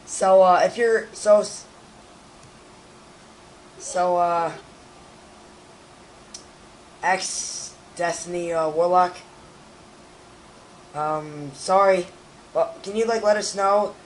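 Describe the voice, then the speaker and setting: A teenage boy with a raspy voice, hoarse from a cold, co-hosting a live stream in casual chat and rambling with lots of fillers. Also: high voice, steady tone, slow pace, long pauses, a little hiss or hum, poor audio. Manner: rambling, full of fillers and restarts.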